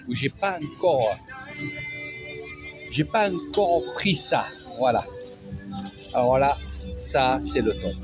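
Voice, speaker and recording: A man with a Marseille accent, chatty and sing-song, giving a casual walking tour of an outdoor market as a travel vlogger. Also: mid-range voice. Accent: Marseille French. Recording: dull lo-fi audio with music.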